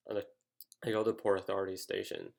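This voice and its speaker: A man's voice: sits low, level tone, fast talker, creaky. A young American man telling a story in a casual vlog, rambling and using lots of "like" fillers. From United States. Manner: rambling, heavy use of "like" fillers. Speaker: vlogger.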